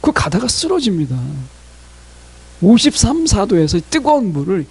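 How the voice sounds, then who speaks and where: A man preaching a sermon as pastor, talking straight to his congregation in an animated way. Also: high voice, normal speed, husky.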